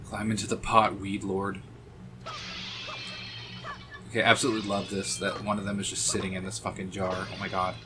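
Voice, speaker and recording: A man's voice: sits low, monotone, fast. Swearing man chatting over game music. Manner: swears freely, chats with viewers. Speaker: game streamer. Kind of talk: casual live-stream chat while playing.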